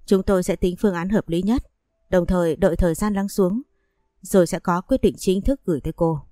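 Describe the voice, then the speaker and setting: Woman narrator as a formal school official, low mellow voice, measured delivery. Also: no room sound, studio quality, faint music behind, natural voice. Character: stern school official breaking bad news.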